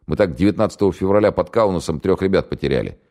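A man's voice: deep voice, lively intonation, quick pace, dark tone, voice pushed up. A man voicing a shrewd, ironic senior security officer who barks clipped orders. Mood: dry ironic.

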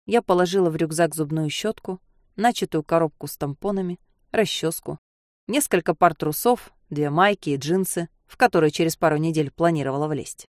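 A woman narrating a novel in the first person with a steady, measured reading. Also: sits low, dry recording, studio quality. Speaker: audiobook narrator.

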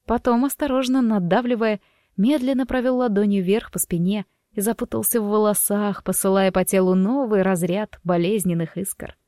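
A woman's voice: medium pitch, warm tone, dry recording, studio quality. A woman narrating an audiobook in the first person, reading expressively and livening up her own quoted dialogue.

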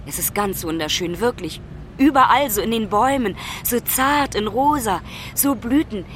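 A lonely young woman abroad, affectionate but anxious, pleading down a phone line, as an actress plays her in a radio play. Her voice sits a little high for a woman. The talk is urgent and searching. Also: lively intonation, moderate pace, slight background noise, natural voice. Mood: delighted.

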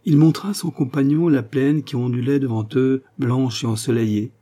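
A man reading a novel aloud as narrator, steady and measured. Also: medium pitch. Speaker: audiobook narrator.

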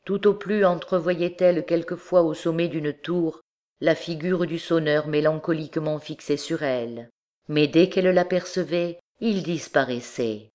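Low-voiced woman reading a classic novel. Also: steady tone, a little slow, dark tone. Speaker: audiobook reader. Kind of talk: scripted narration of a classic novel.

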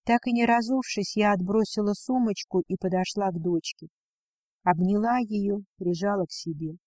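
A woman reading a first-person audiobook in a quiet, subdued way. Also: medium pitch, normal speed, no echo. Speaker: audiobook narrator.

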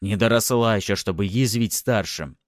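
A man's voice: low-pitched, animated, a little slow, no room sound, clean studio sound. A man reading an audiobook, voicing a brutal, domineering husband who growls threats at his wife. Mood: menacing.

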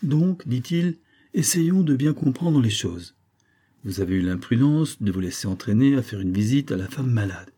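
A man voicing a smooth, scheming army major with a soft, conciliating manner. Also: medium pitch, animated, moderate pace, voice pushed up. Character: smooth scheming middle-aged male major.

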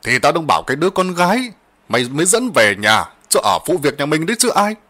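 A man voicing an old rural master who is gruff, bossy and blustering, and who stammers in fear. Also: on the high side, very animated, fast talker, bright, forceful tone, full character voice.

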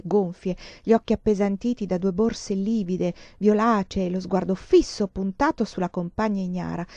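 A woman reads a literary novel aloud in a measured, expressive way. Her voice sits at an ordinary middle pitch. The recording is dry and a little dull in tone. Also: no echo. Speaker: audiobook reader.

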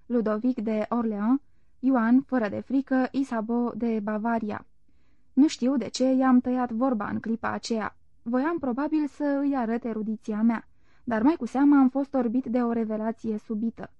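A woman reading a literary novel aloud in a calm, measured narration. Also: fairly high pitch, no room sound. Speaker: audiobook reader. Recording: dull, dry, lo-fi recording.

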